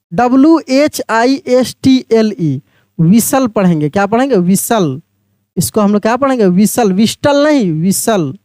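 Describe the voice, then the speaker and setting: A man teaching an English pronunciation lesson, spelling words out letter by letter and repeating each one slowly while quizzing his viewers. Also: very high voice, darkish tone, no echo, clean studio sound.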